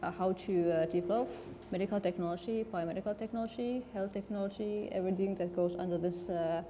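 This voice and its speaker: A woman's voice: medium pitch, fast. Hesitant woman in a noisy venue. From Finland. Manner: hesitant, with many fillers. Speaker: panelist. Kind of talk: conference panel talk. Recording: room noise in a conference venue.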